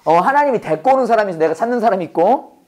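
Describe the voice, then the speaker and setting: Lively man teaching English. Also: high voice, rapid-fire. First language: Korean. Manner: animated, drills phrases with call-and-response, laughs often. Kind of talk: Bible-based English lesson to a class.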